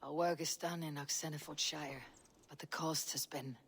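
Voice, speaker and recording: A stern Viking warrior woman in a video game. Her voice is very low and husky, and she speaks in grave, measured, formal phrases with a weary weight. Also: fairly even intonation, a bit bright, full character voice. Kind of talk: scripted video game acting.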